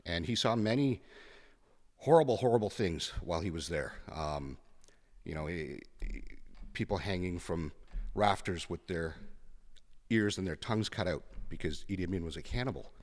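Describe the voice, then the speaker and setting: A man's voice: deep voice, lively intonation, normal speed, in a large hall. A man in his fifties, from Kenya, telling his story as a podcast guest in a frank, blunt way with frequent fillers. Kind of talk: conversational interview.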